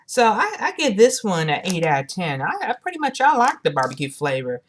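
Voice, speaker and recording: A woman giving a casual product review to her viewers, talking in a halting way and often rephrasing herself. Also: mid-range voice, very animated, slight background noise.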